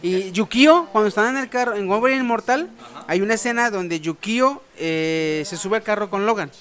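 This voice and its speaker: A man with a Mexican accent hosting a casual chat, relaxed and swearing often. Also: sits high, normal speed. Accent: Mexican Spanish. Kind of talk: casual chat among friends.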